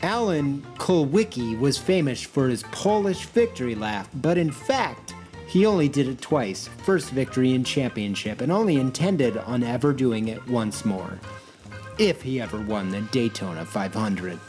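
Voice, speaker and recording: A man's voice: mid-range voice, lively intonation, moderate pace, faint music behind. Eager man reading trivia. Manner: eager, cheers loudly. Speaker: player. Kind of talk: casual tabletop game play.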